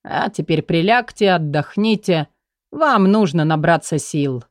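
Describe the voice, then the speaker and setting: Woman doing a soft, coaxing male mage. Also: on the low side, expressive, no echo, clean studio sound. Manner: quiet, caressing, slow.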